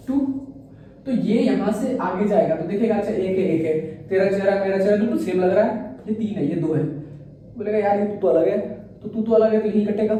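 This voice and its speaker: A man's voice: high voice, mellow, far from the mic. Chatty male maths teacher in an echoey room. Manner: chatty, checks in with "theek hai" often. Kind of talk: explaining a maths exam solution.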